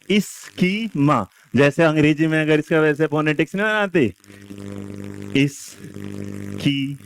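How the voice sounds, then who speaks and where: A man's voice: sits high, a little hiss or hum. A male teacher from India giving a classroom lecture, quizzing and teasing his students. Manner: lively, quizzes and teases students.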